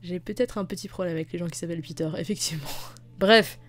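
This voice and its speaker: A woman's voice: lowish voice, fast. A young woman hosting a video, giving playful, teasing commentary on fan poll results. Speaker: video host. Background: faint music.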